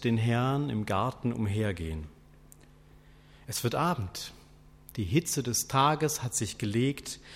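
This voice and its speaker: A man preaching a sermon, asking rhetorical questions in a deliberate, questioning way. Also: medium pitch. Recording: long hall reverb.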